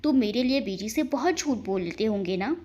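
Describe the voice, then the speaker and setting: A bubbly young wife, lovestruck and playfully pleading, with a lively, high voice, as a woman narrator plays her. Her lines bounce with affection. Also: brisk. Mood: affectionate.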